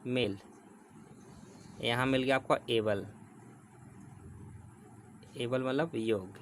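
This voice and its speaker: Male tutor, mid-pitched voice, patient and repetitive delivery, faint hiss in the background. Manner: explains slowly with repetition, reads English definitions word by word. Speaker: teacher. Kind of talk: exam prep vocabulary lesson.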